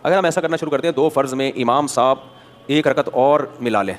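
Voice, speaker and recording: A man from Pakistan, a mufti, giving a conversational sermon full of anecdotes, acting out dialogues and asking rhetorical questions. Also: mid-range voice. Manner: animated storyteller, acts out dialogues, rhetorical questions. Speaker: mufti, religious scholar.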